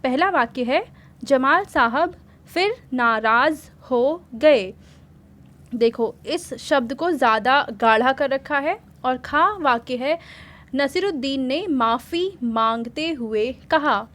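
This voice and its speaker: Patient, high-voiced woman teaching children. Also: lively intonation, slow pace, fairly bright tone. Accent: Hindi. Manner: patient, explains step by step with frequent questions to the children. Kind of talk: worksheet lesson for children.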